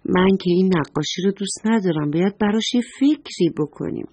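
A woman voicing an excitable orange pencil in a children's story, quick to cry out. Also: medium pitch, husky, lightly acted. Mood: grumpy.

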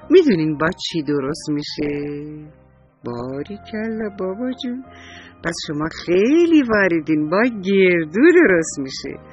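A man narrating a children's bedtime story, gentle and affectionate, and talking straight to the kids. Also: high-pitched.

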